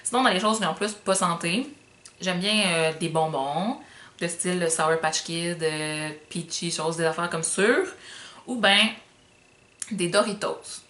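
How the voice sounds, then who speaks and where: A woman's voice: lowish voice, measured pace, fairly bright tone, roomy sound. A young woman from the Magdalen Islands with a light Québécois accent, chatting casually to camera, with lots of fillers and slang. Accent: Magdalen Islands Québécois French, light. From Magdalen Islands, Quebec. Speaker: vlogger.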